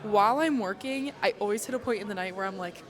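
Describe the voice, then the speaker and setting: A young woman co-hosting a casual podcast chat. Her voice is slightly hoarse, and she laughs often and uses lots of fillers. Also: medium pitch, quick pace. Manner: giggly, filler-heavy. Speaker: podcast co-host. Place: in the US Midwest.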